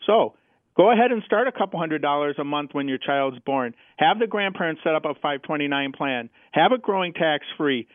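Speaking at a normal speed in a voice on the high side, this expressive American man explains financial topics as an interview guest. He keeps it plain-spoken, leaning on examples and rhetorical questions. There's no room sound, and the radio audio is tinny and phone-like.

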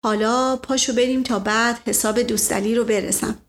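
A woman's voice: a little high, fairly even intonation, close to an everyday voice. A woman voicing a flirtatious, blustering middle-aged nobleman who talks theatrically and keeps exclaiming "momento". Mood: furious.

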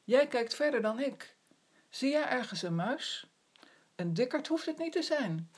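A woman voicing a boastful young male kitten in a storybook reading, eager and bright. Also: high voice, big pitch swings, moderate pace, vocal fry, pitched above the performer's own voice, exaggerated voice.

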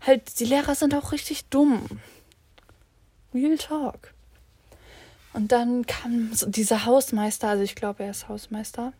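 A teenage girl chatting on her own in a loose, rambling way, full of slang and English words. Her voice sits a little high and sounds mellow and soft-edged. The sound is dry and close, with no room echo. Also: breathy edge. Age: teens. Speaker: vlogger. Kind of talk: casual rambling monologue.

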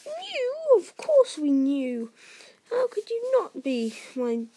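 A woman's voice: extremely high pitch, huge pitch swings, takes it slowly, dark tone, pitched above the performer's own voice, heavily acted. A woman voicing a bitter, spiteful middle-aged aunt in a storybook, ranting with scornful emphasis. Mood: shrieking indignation.

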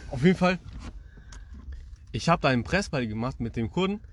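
A man's voice: mid-range voice, a little fast, slight background noise. A young man co-hosting a podcast, telling a story in casual slang and acting out the voices of the people in it. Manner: slangy, animated, acts out voices in his story. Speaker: podcast co-host.

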